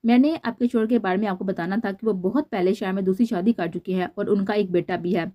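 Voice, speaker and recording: A woman's voice: mid-range voice, lo-fi sound, close to an everyday voice. A woman voicing a confused, worried young man who asks anxious questions, read from a storybook.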